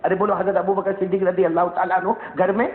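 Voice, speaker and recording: A man with a Mewati-inflected accent preaching a sermon and telling a story with animation. He calls on the listeners to repeat after him and builds up to shouting. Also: sits high, level tone. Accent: Mewati-inflected Urdu. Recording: echoey hall, tinny lo-fi sound.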